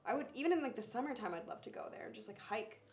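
A woman's voice: on the high side, lively intonation, rapid-fire, noisy background. A woman in her twenties co-hosting a casual live stream, chatty and giggly. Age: 20s. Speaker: co-host of a shop live stream.

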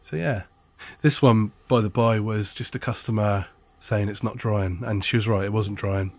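A man's voice: fairly low pitch, steady tone, moderate pace, a little mellow. A man explaining appliance repair in a casual, chatty how-to style, blunt and jokey, with a sarcastic streak.

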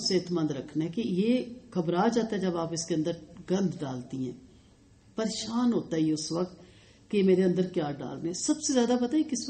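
Woman lecturer, mellow voice, storytelling, addresses listeners directly. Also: lowish voice. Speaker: Islamic lecturer. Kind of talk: religious lecture to women.

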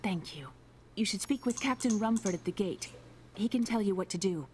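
A woman's voice: medium pitch, expressive, moderate pace, darkish tone, a little hiss or hum, close to an everyday voice. An actress voicing an anxious, urgent townswoman in a video game, pleading for help.

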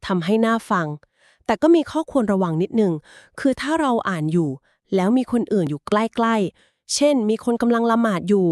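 A woman co-hosting a podcast, calmly and patiently explaining things step by step. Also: medium pitch, moderate pace, dry recording, clean studio sound. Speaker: podcast co-host explaining Quran etiquette.

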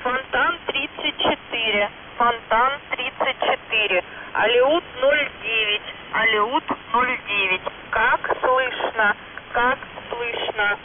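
A woman reading radio call signs over a walkie-talkie, slowly and deliberately, saying each one twice. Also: a little high. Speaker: radio operator. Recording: tinny, distant radio transmission with hiss.

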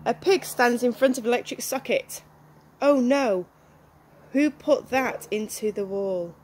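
A woman's voice: on the high side, a little slow. Woman reading out jokes. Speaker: joke reader. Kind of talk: reading out one-liner jokes. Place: small back garden, outdoors. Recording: faint outdoor background noise.

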